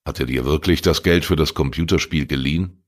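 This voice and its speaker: A man reading a crime story voices a grown detective who questions calmly and firmly. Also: rumbling low, fairly quick. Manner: calm, firm questioning. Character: adult male private detective, calm and firm.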